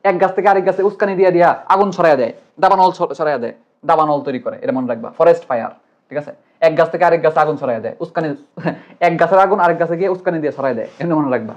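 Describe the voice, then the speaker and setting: Quick guy teaching a prep class, keeps asking right?, kinda muffled lo-fi audio. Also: fairly high pitch. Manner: quick, chatty, keeps asking "right?", playful memory tricks. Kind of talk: online exam-prep lecture. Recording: dull lo-fi sound.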